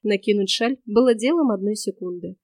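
A young woman reading a first-person story aloud, with a wry, lively delivery of the dialogue. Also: mid-range voice, a little fast, no room sound, clean studio sound. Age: young adult. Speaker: audiobook narrator.

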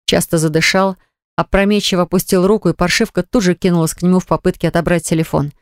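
A woman narrating a romance novel in a measured, expressive reading style. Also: fairly low pitch, clear, resonant tone, no room sound, clean studio sound. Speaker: audiobook narrator.

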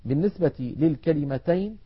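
Measured male tajweed teacher, muffled sound. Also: on the high side, lively intonation, husky. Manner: measured explanatory delivery, drawing out example words slowly. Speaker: Quran recitation teacher. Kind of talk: televised tajweed lesson.

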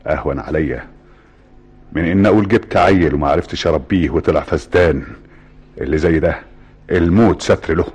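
A man's voice: very deep voice, brisk, long pauses, a little mellow, breathy edge. An actor with an Egyptian accent playing a cold, grim father who disowns his son in a radio drama. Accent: Egyptian Arabic.

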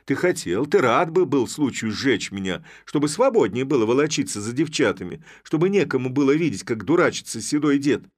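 A man voicing an angry, sharp-tongued village woman who scolds and accuses in a raised voice. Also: medium pitch, very animated, fairly quick, hardly any pauses, voice pushed up. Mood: furious scolding.

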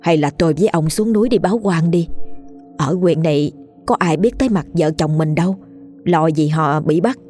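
A woman's voice: low voice, moderate pace, dark tone, soft background music. A woman voicing an anxious, stammering old peasant wife in a ghost story. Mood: worried. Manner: stammering, fearful speech. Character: anxious old peasant wife, sharper than her husband.

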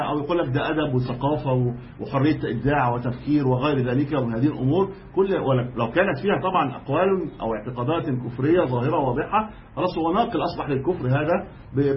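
A man with an Egyptian accent delivers a religious lesson at a brisk clip, emphatic and explanatory, restarting phrases as he goes. The recording is dull and lo-fi, with a faint hiss underneath. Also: on the high side. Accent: Egyptian Arabic. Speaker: sheikh teaching a lesson.

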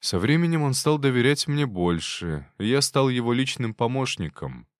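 A man voicing a frightened young male servant who confesses in a halting, hesitant way, read as an audiobook character. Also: mid-range voice, sing-song, no room sound, studio quality, lightly acted. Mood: confessing.

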